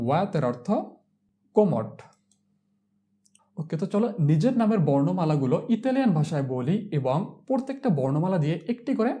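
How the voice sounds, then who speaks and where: A woman's voice: low voice, mellow. A woman teaching the Italian alphabet. She spells out each word letter by letter and repeats it three times before she gives its meaning. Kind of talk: slow spelled-out language lesson.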